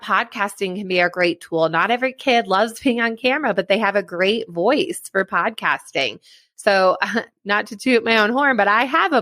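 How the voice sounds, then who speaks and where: A woman educator presents to fellow teachers at an online summit, upbeat and chatty, laughing lightly at her own slips. Her voice sits at a middle pitch, and the recording is close and dry, with no room sound. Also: a bit bright, dry recording. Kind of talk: presentation talk.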